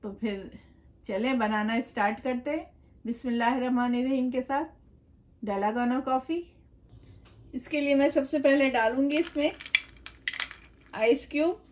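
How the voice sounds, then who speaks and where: A woman hosting her own cooking channel, explaining a recipe step by step in a gentle, chatty way, with blessings and greetings to her viewers. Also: high voice, normal speed, long pauses, a little hiss or hum. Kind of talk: home cooking tutorial voice-over. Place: home kitchen.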